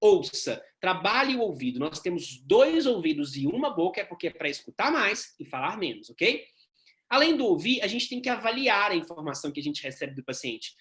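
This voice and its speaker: A man, teaching nursing students in a quick, animated lecture full of tag questions. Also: sits high. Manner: fast-talking, frequent tag questions, animated. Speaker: nursing instructor. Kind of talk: recorded lecture.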